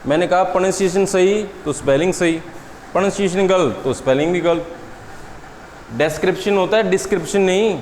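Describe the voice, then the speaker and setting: A male English teacher runs an exam-prep class in a high, slightly mellow voice, posing questions to students and answering them himself. He stresses English words slowly and deliberately. The room is echoey with a long reverb tail and faint hiss underneath.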